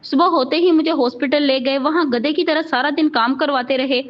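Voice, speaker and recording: A defiant young wife fires back tart retorts, read by a woman with a high voice. The audio is dull and lo-fi, as if from a cheap home setup. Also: fairly even intonation, normal speed, natural voice. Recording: dull lo-fi recording.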